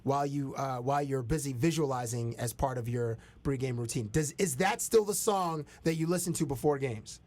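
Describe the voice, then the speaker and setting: A man's voice: mid-range voice, normal speed, few pauses, a little mellow. A man hosting a casual podcast interview, laid-back and joking, with plenty of slang. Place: Toronto.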